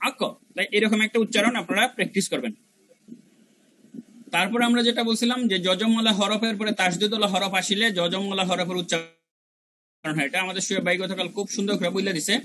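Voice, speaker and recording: High, bright-voiced man teaching recitation. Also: slight background noise, rough recording. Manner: demonstrates syllables by repeating them slowly; colloquial, mixes in English words. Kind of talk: online review class teaching Arabic letter pronunciation.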